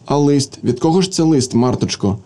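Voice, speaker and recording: A man's voice: medium pitch, expressive, brisk, mellow, lightly acted. A man reading a story aloud, voicing a pushy, joking male office accountant who teases and snaps. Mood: teasing. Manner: teasing, then flustered and snapping.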